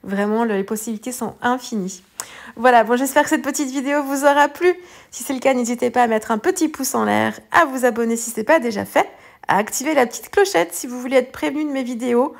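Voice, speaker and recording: Gravelly-voiced woman, rambling craft host. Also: fairly high pitch, quick pace. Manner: rambling, hesitant, many fillers and restarts. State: tired. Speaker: art journaling video host. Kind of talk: casual tutorial voice-over.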